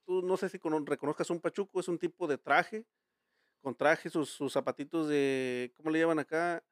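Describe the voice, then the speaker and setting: A man's voice: on the high side, moderate pace, no echo, clean studio sound. A Mexican man hosting a casual podcast chat, telling rambling, slang-filled stories with many restarts. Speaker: podcast host.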